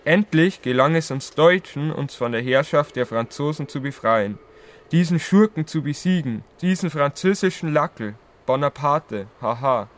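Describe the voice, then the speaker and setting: A man's voice: a little high, expressive, normal speed, lightly acted. A man playing a grumpy, proud old king who grumbles pompously about the young in an educational audio drama. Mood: triumphant, scornful.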